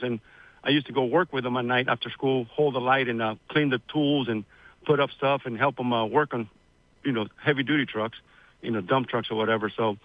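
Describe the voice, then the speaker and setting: Here a medium-pitched man in his sixties, originally from Cuba, shares his family history on the radio, wandering through it casually with plenty of fillers. There's no room sound, and the audio has a lo-fi feel.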